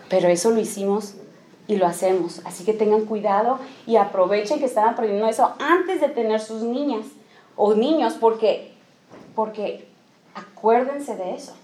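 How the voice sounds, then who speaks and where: A woman giving an informal church talk to women, often checking in with the audience, dropping in English phrases and acting out small scenes. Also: on the high side. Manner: acts out little quoted scenes. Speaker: speaker at a women's church gathering.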